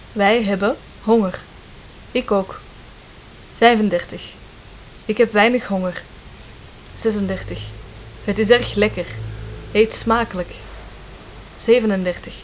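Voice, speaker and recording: A woman with a Flemish accent slowly reading numbered phrases for a language lesson, clear and careful. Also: mid-range voice, a little hiss or hum, poor audio. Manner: slow, careful, clearly enunciated. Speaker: language teacher.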